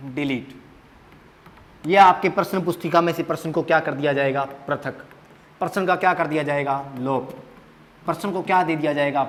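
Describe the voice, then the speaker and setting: A man's voice: fairly high pitch, fairly bright tone. A man teaching Hindi grammar at a board, asking questions and answering them himself, repeating key words with emphasis, in an echoey classroom.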